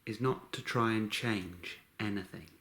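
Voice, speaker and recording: Calm meditation instructions come from a man whose voice sits fairly low, delivered in brief, deliberate phrases at a very slow pace. Lengthy pauses fall between each one.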